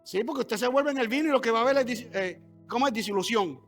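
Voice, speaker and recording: A man preaches a sermon in a church, talking straight to the congregation with asides and quick questions. His voice sits very high and rings bright and forceful. Soft music plays faintly behind him. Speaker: pastor.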